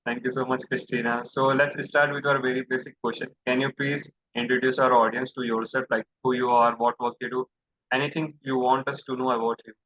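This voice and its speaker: Man hosting, quick and bright, monotone, dry and dull lo-fi sound. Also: mid-range voice, no room sound. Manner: brisk, polite, scripted introductions. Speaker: podcast host. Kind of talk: interview hosting.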